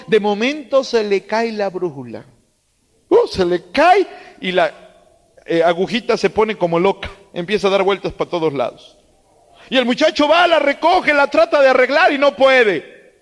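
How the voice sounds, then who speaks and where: A young preacher, telling stories and urging his listeners in a high voice. His sermon carries a long hall reverb. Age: young adult. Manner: earnest, storytelling, exhorting.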